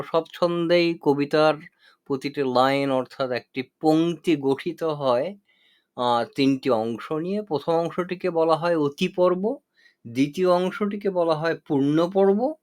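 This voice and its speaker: Brief: male poetry teacher, unhurried and deliberate, slightly high voice. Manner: slow, measured, deliberate delivery with pauses and fillers. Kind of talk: explanatory lesson with recited verse.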